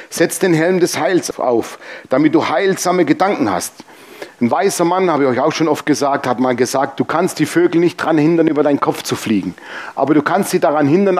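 A man's voice: a little high, fairly quick. A man preaching a sermon, telling personal stories with humor and speaking straight to the congregation. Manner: lively, humorous storytelling, addressing the congregation directly.

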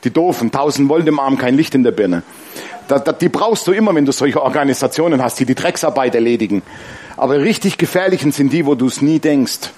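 Brisk and mid-range, a man's voice carries this sermon from a pastor who trades questions with the congregation. His storytelling is lively and punctuated by laughs.

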